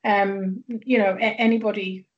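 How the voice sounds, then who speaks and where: A woman's voice: medium pitch, steady tone, measured pace, muffled recording. A woman from the northwest of England with a Northern English accent, speaking thoughtfully as a guest sociologist, with many fillers and restarts. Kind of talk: academic interview conversation.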